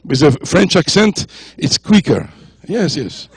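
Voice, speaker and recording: A man's voice: a little high, very animated, slow, husky, no echo. An older man preaching as a guest in a church, jovial and joking with the congregation, mixing French, English and Spanish. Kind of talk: sermon.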